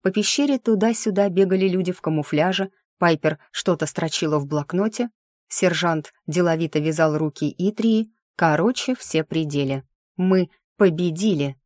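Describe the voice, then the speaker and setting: A woman's voice: sits low, darkish tone, dry recording. A woman reading a first-person audiobook in a wry, sardonic inner-monologue manner, close to the mic. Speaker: audiobook narrator.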